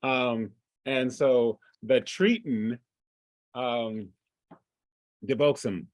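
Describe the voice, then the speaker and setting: Man, game master, unhurried, hesitant with lots of fillers, dry close sound. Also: medium pitch, no echo. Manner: halting, full of fillers and restarts. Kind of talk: running a livestreamed tabletop game.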